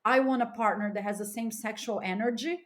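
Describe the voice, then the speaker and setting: She talks a little fast in a fairly high voice: a middle-aged Angeleno on a podcast, speaking candidly and informally. Expect emphatic delivery and frequent "like" and "you know."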